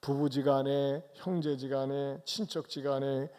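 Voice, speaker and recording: A man's voice: medium pitch, level tone, a little slow, warm tone. A male pastor delivering a Sunday sermon in church, with dramatic storytelling and rhetorical questions to the congregation.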